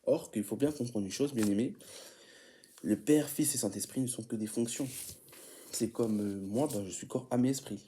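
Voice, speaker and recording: A man's voice: mid-range voice, moderate pace, dark tone, slight background noise. A man preaching an informal teaching sermon, often stumbling and repeating words as he reads definitions aloud and calls his listeners beloved.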